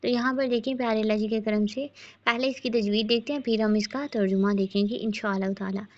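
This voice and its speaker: Woman teaching quran recitation, slow chanting then quick explaining, kinda muffled lo-fi sound. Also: on the high side, fairly even intonation, a little mellow. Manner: slow drawn-out recitation between brisk explanations.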